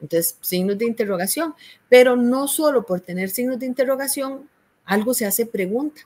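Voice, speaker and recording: With a fairly high, slightly mellow voice and lively intonation, this Costa Rican woman speaks at a normal speed. She's a university tutor walking through a course assignment patiently, frequently adding "¿verdad?" to check understanding.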